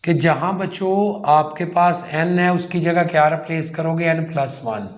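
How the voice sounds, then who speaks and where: Slow, high-voiced man teaching math. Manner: slow, explains step by step, asks and answers his own questions; calls students "children" and "son". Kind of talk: whiteboard lecture.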